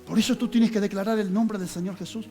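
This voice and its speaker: Man preaching, really high voice, gets loud then goes soft n pleading, bit of music under it. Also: fairly even intonation, fast talker. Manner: impassioned preaching, swinging between loud cries and hushed pleading. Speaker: pastor. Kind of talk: sermon.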